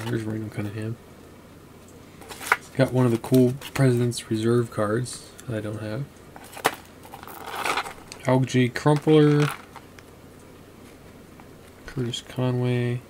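A man sitting at a home desk, chatting to himself and his viewers as he flips through a box of cards. His voice stays flat and level, and noise hums clearly underneath the recording. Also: mid-range voice, slow pace, pauses often. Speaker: card collector vlogger. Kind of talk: casual narration while sorting cards.

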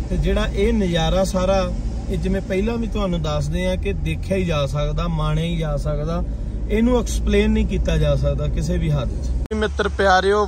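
A high-pitched man from Punjab, India narrates a travel vlog outdoors in the mountains over a noisy background. He reverently tells a temple story and praises the scenery with enthusiasm.

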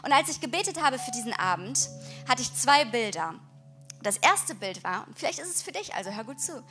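An earnest, encouraging woman preaches during a church worship night and reads scripture aloud. Her voice sits high and sounds bright and clear. Soft music plays quietly behind her. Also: very animated, brisk. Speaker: worship leader.

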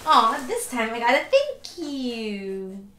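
A woman's voice: a little high, very animated, slow, fairly bright tone, a little hiss or hum. A young woman with a stuffy nose from allergies, chatting upbeat through a casual haul video at home. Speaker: vlogger. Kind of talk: casual unboxing haul vlog. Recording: echoey room.

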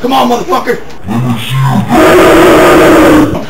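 A young man yelling profane, explosive trash talk as he plays a video game. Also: sits high, big pitch swings, normal speed, over a noisy crowd. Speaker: video gamer. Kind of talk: angry trash talk while gaming. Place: dim living room at home. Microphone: handheld camera a few feet away. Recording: noisy, roomy home video from a distance.

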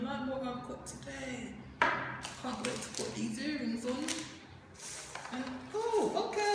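A woman from London with a hoarse voice, chatting casually through a beauty box unboxing with lots of excited "ooh"s. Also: fairly high pitch, a little hiss or hum. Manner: excited cooing, frequent "ooh". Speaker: beauty vlogger. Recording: echoey room with long reverb.

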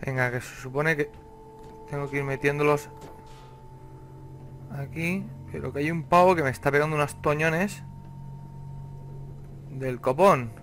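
A young man with a Spain Spanish accent narrates his horror game playthrough. His voice is bright and edgy and sits a little high. He swears freely, jumps at scares and argues with whatever is on screen. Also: measured pace, pauses often, a little hiss or hum. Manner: jumpy, swearing, talks back to the game. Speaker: gaming channel host. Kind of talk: let's play commentary.

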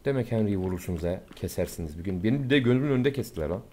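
A young man commenting casually on a game he plays, brash and excitable, swearing often. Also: fairly low pitch, very fast, a little hiss or hum. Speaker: gaming YouTuber. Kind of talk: Let's Play commentary.

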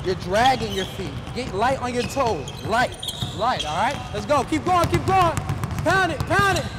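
A man's voice: extremely high pitch, animated, unhurried, heavy background noise. A man coaching a basketball drill, calling out short encouraging commands. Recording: distant voice over loud music.

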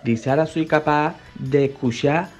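A man tells a joke in a plain conversational way. His voice sits a little high. Faint music plays behind him. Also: moderate pace. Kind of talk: joke telling.

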